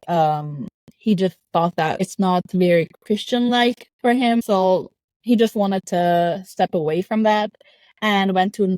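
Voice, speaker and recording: A woman's voice: lowish voice, dark tone, no echo. A young woman from Lebanon, a podcast guest sharing her childhood in reflective casual talk, laughing often between phrases. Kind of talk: casual interview chat. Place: home.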